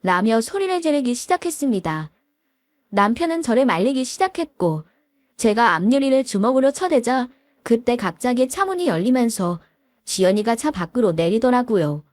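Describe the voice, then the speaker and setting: A woman's voice: a little high, sing-song, moderate pace, dry recording, studio quality. A middle-aged woman narrating a dramatic first-person story in a confessional, dramatic manner. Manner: confessional, dramatic, shifts into angry shouting in quotes.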